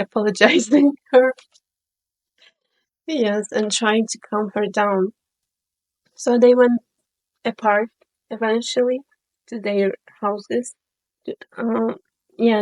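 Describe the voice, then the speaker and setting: A woman tells a personal story to the camera in a storytime vlog, slow and chatty. Her voice sits a little high, and the sound is dry and close with no room echo. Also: darkish tone. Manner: unhurried, chatty, frequent "you know" and "like".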